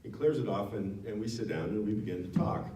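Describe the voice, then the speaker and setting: A man from Nevada tells a personal story to a town hall audience in a frank, conversational way, stopping now and then to correct himself. His voice is mellow and dark. He sounds distant from the mic, in a room that echoes. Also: lowish voice, brisk, slight background noise. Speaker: guest speaker.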